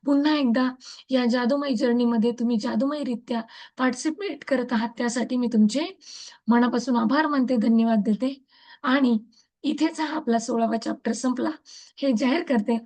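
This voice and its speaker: A woman's voice: on the high side, moderate pace, a little mellow. A woman with a Marathi accent leading a gratitude practice over a video call, earnest and repeating her thanks in chant-like runs. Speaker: gratitude practice group leader. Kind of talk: guided reading and affirmations. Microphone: laptop mic on a video call.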